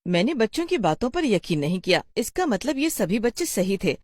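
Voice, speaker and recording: Brief: stern schoolteacher, raised pitch, scolding questions, lively swings, played by a woman. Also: fairly quick, no room sound, studio quality. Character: fussy middle-aged female schoolteacher. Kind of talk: storybook voice acting.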